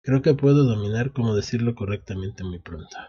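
Husky-voiced man recapping manga. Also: lowish voice, brisk, mellow, lo-fi sound. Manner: reads dialogue aloud with frequent restarts. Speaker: anime recap host. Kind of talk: casual manga chapter recap. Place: at home.

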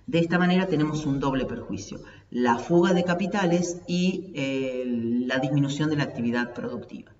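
A woman in her forties with an Argentine accent, giving a recorded economics lesson from her home study through a webcam, explaining steadily and gesturing as she talks. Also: low-pitched. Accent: Argentine Spanish. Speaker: accounting and economics teacher. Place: home study with bookshelves, indoors. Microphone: webcam at desk. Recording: roomy, distant, dull webcam sound.

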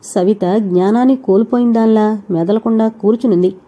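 A woman narrating an audio novel in a steady, even storytelling manner. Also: mid-range voice, normal speed, muffled recording.

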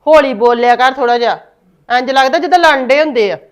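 A woman's voice: sits high, brisk, close to an everyday voice. An actress playing a middle-aged mother-in-law who coaxes, pries and scolds. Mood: scolding. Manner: coaxing, prying, scolding. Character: fussing, caring mother-in-law. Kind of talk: family drama acting.

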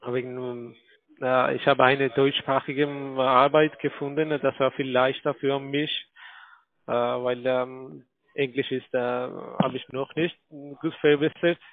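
A man who is not a native German speaker, talking haltingly on a phone call with many filler sounds and broken grammar. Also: medium pitch, little pitch movement, no room sound. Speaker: scam call center agent. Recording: tinny dry phone line.

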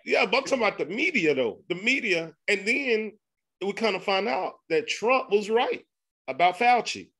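Male podcast host, relaxed chat, laughs easily, slightly higher voice with a forceful bright edge. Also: moderate pace. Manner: loose, laughing, repeats 'man'. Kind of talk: casual conversation.

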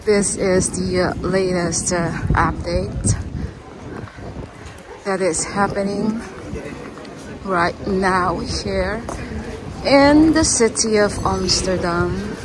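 A woman giving a casual walking-tour narration outdoors on city streets, talking hesitantly with many filler pauses. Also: medium pitch. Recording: street noise around the voice.

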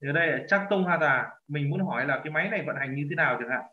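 A man teaching a language lesson, patiently correcting pronunciation and slowly repeating phrases. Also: fairly high pitch. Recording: echoey, dull lo-fi room sound.

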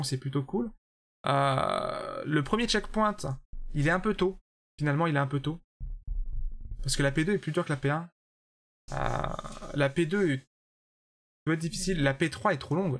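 Male streamer, blunt and talkative, slightly higher pitch, soft game music underneath. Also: very animated, a little fast. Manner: chatty, judges viewer levels bluntly, answers chat by name. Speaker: streamer playing a level-making platform game. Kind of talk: casual live-stream commentary to chat.

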